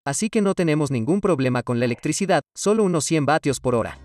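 A man's voice: a little high, expressive, fast talker, a little mellow, no room sound, far from the mic. A young man giving an upbeat, casual tour of the converted shuttle bus he lives in.

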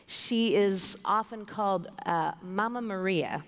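A woman in her thirties moderating a conference panel, introducing the guests in a measured way with many fillers. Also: mid-range voice. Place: large conference stage with long reverb. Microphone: headset mic. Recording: reverberant large hall.

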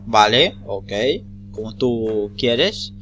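Male gamer, Spain accent, slow and repetitive casual commentary, sweary, bright tone, faint game music. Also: fairly low pitch, lively intonation. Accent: Spanish from Spain.

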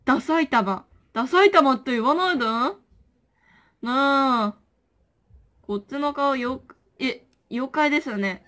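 High-voiced playful woman live-streaming. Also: a little slow, pauses often, fairly bright tone. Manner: playful, chatty, talking to viewers and plush toys. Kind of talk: casual live-stream chat reading comments.

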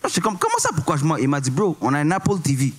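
This is a twenty-something comedian with a Québécois French accent doing stand-up at a club, sprinkling in slang and English words and repeatedly asking whether you follow. His pitch is fairly high and his delivery fast.

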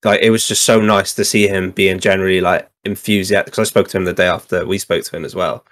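Casual podcast co-host, man, slightly low voice, loose rambling delivery. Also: fairly even intonation, fast, fairly bright tone. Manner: rambling, lots of fillers and laughs. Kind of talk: casual chat.

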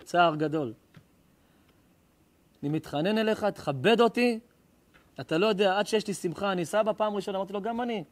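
A middle-aged rabbi preaching to a live audience in a rather high voice. He tells stories with passion, jumping from near-shouts down to soft, intimate lines. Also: long pauses. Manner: impassioned, swings between loud cries and hushed tones. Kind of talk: emotional sermon with storytelling. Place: live lecture before an audience.

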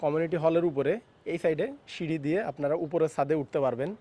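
A real estate agent walks viewers through a flat for sale, moving room to room inside the apartment and pointing out each room's features directly to camera. His voice is a little high and he talks fast, but he goes soft in the child's bedroom so a sleeping baby isn't woken.

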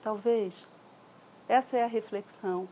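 A woman's voice: mid-range voice, a little slow, mellow, a little hiss or hum. A middle-aged woman from Brazil giving a conversational, reflective talk to an audience through a stand microphone in a hall. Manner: conversational, reflective, frequent "né?" tags. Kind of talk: lecture to an audience.

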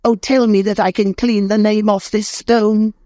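A man's voice: sits high, little pitch movement, normal speed, mellow, no echo, studio quality, voice pushed up, lightly acted. A man voicing old Scrooge in a storybook reading, emotional and exclamatory, pleading with spirits. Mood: earnest. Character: old man Scrooge, repentant, desperate then overjoyed.

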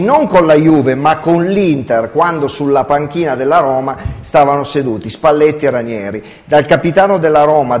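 A man's voice: a little high, darkish tone, big-room sound. A man making insistent, cutting rebuttals as a pundit in a sports debate. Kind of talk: heated studio sports debate.

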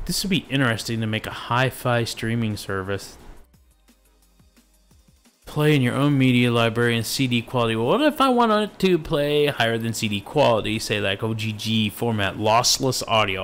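A man's voice: medium pitch, fairly bright tone, a little hiss or hum. A man hosting a casual tech live stream, rambling and joking as he goes off on tangents. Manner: laid-back, jokey, self-interrupting. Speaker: show host.

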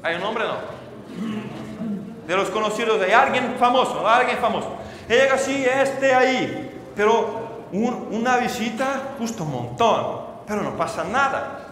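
A man preaching a sermon as a story, often checking in with the audience through quick questions and halting restarts. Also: extremely high pitch, expressive, a bit bright. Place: church hall. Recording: reverberant church hall.

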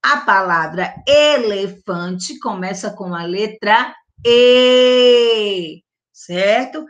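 A woman teacher giving a gentle vowel lesson to young children, drawing out each sound and often checking in with the class. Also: mid-range voice, lively intonation, dull audio. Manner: slow, drawn-out enunciation with diminutives and check-ins; stresses and stretches the vowel sounds loudly. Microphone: close mic, online class recording.

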